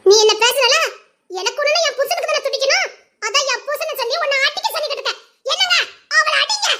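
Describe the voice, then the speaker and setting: A woman with a Tirunelveli accent acting quarrelsome scenes in a family drama, talking loudly with quick retorts. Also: very high-pitched, expressive. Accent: Tirunelveli Tamil. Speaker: performer of a family comedy drama.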